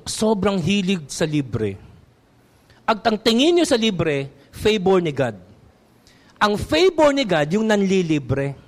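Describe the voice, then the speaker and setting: Animated high-voiced Filipino pastor preaching. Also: male voice. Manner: animated, mixes Tagalog and English, asks the congregation for amens. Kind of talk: sermon.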